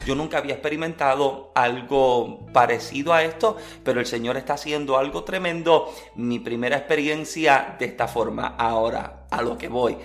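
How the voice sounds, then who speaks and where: A man preaching, telling a personal testimony in an earnest, lively storytelling manner. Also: medium pitch, moderate pace, few pauses, faint music behind.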